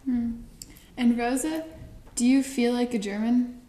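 Mellow woman interviewer in a roomy space. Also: fairly high pitch, steady tone, measured pace. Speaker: interviewer and presenter. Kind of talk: scripted interview questions. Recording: roomy echo.

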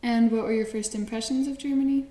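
A woman presenting a segment and asking interview questions in a clear, prompting tone. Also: a little high, fairly even intonation, fast, mellow. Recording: roomy echo.

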